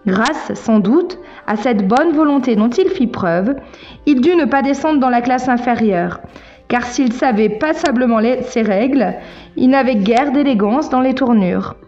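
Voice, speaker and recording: A woman narrating a literary text in a measured, even reading. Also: fairly high pitch, muffled recording, faint music behind. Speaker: audiobook narrator.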